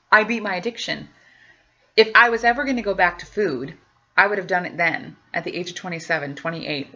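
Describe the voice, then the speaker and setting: Bright-voiced woman giving lively testimony. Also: fairly low pitch. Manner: animated, acts out others' voices, laughs often. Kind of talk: personal testimony talk. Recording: slightly dull lo-fi recording.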